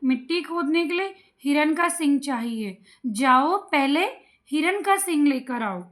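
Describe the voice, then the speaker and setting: A woman's voice: high voice, lively intonation, measured pace, fairly bright tone. Woman voicing a stubborn talking mound. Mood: demanding. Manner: demanding.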